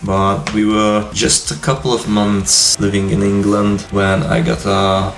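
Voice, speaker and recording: A man in his fifties, originally from Hungary, hosting his own vlog and telling his life story in a relaxed, rambling way. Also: deep voice, creaky. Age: 50s. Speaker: YouTube channel host. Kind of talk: casual personal vlog talk. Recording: echoey room with music behind.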